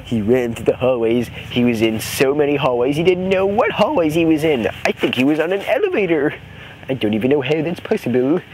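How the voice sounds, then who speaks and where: In a noisy home recording, a man with a fairly low, slightly mellow voice spins an improvised comic horror tale for his friends. As a joke he mimics a cartoon parody character, tripping over himself and repeating words and phrases.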